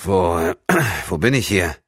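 A man's voice: low voice, expressive, fairly bright tone, slightly rough, dry recording, studio quality, heavily acted. Man reading a polite captive man. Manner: courteous, measured.

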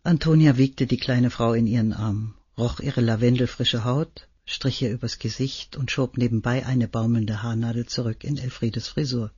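A man reading a novel aloud as narrator, in a measured, earnest storytelling manner. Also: mid-range voice, fairly even intonation, warm tone, husky, dry recording, muffled recording. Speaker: audiobook narrator. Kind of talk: scripted narration.

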